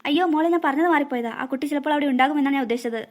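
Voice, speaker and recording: A woman voicing Nagarani, a high, rapid snake queen. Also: natural voice. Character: snake queen in human form, kindly but secretive. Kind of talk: cartoon voice acting.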